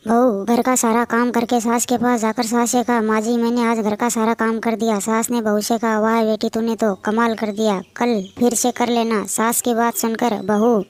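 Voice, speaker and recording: Woman reading jokes, kinda high and really flat, hiss in the background. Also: moderate pace, few pauses.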